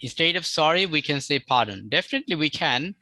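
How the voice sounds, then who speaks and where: Male teacher, forceful voice, dry close sound, repeats and spells out words. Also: fairly high pitch, expressive, fast, dry recording, low-quality recording. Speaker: English teacher. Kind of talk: live spoken-English class.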